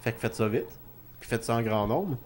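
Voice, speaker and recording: A man's voice: mid-range voice, animated, brisk. A man with a Quebec French accent hosting a wrestling talk show in a casual, joking, chatty way. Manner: informal, joking. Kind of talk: casual studio chat.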